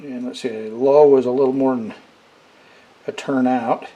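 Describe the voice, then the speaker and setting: A middle-aged man giving a casual hands-on tutorial as he works, halting and unhurried, in a workshop with rain on a tin roof. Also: mid-range voice, fairly even intonation, mellow, muffled recording. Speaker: repair demonstrator. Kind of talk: hands-on tutorial, casual talk while working. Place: workshop with metal roof, indoors. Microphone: camera over the workbench. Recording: noisy shop, rain on metal roof. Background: rain drumming on tin roof.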